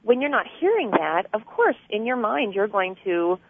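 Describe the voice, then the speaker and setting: A woman's voice: mid-range voice, very animated, moderate pace, background noise. A woman calling into a radio show from her car over a clipped phone line, explaining things earnestly with fillers and restarts. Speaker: caller. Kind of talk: call-in radio chat. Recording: tinny dry phone line.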